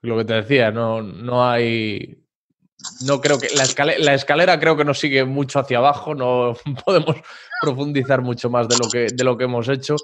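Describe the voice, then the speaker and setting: A man's voice: mid-range voice, steady tone, normal speed, fairly bright tone, slight background noise. A man from Spain hosting a podcast, friendly and informal. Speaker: podcast host. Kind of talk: podcast interview and outro.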